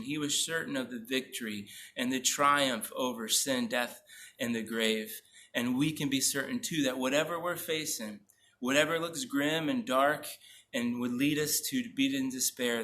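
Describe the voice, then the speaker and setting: A man preaching as a pastor, reading scripture aloud slowly and earnestly between his own comments, with a few fillers. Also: medium pitch, pushed and bright, slight background noise.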